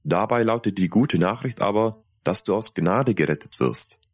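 A man voicing a kind older man who has died but feels fully alive, speaking calmly and gently in an audiobook. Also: fairly low pitch, normal speed, dry recording, voice pushed up. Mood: reassuring. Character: kind older man, dead yet vibrant, reassuring. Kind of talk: audiobook dialogue.

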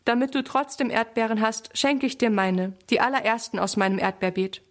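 A woman's voice: fairly high pitch, steady tone, fairly quick, lightly acted. A woman voicing a shy but honest little boy lamb in a children's storybook, speaking eagerly and earnestly.

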